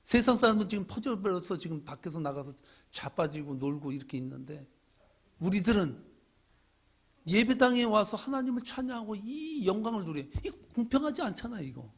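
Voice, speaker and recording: A middle-aged male pastor preaching a sermon, swinging from loud pleading questions to hushed asides. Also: high voice, very animated, brisk, husky.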